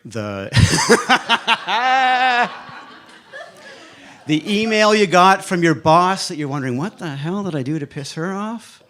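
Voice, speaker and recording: A man of fifty giving a motivational speech to a live audience, emphatic, with a repeated refrain and dramatic pauses. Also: a little high. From Canada. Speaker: speaker at a live evening event.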